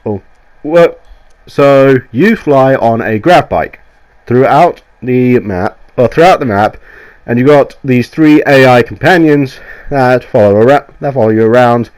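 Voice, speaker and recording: Over a rough recording made on a voiceover mic, a gaming YouTuber with a cold sounds nasal and coughs now and then. His mid-range voice is a little mellow, clear and resonant, moving at a measured pace. He rambles through a casual game review, swearing, enthusiastic, and often restarting.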